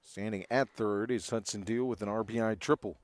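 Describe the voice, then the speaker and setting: A man's voice: lowish voice, steady tone, a little fast, dry recording. A man doing live baseball play-by-play, with a home run call style that stretches out on big hits.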